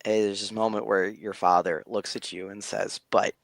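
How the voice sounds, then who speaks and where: A man narrating a tabletop game as game master, halting and repeating words as he goes. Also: on the low side, flat delivery, creaky, no echo.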